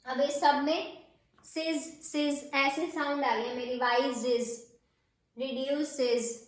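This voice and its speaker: A woman teaching a shorthand class, who explains step by step and patiently repeats the example words slowly. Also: high-pitched, steady tone. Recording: very echoey room.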